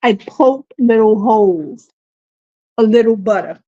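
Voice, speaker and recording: Woman, home cooking vlogger, slow, dramatic grumbling, dull lo-fi sound. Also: on the high side, warm tone. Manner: exasperated, dramatic complaining. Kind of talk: casual kitchen chat to viewers. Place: home kitchen. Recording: dull lo-fi audio.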